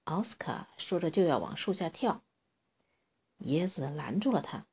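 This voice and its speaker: Slow, expressive woman reading a children's story. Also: sits low, husky.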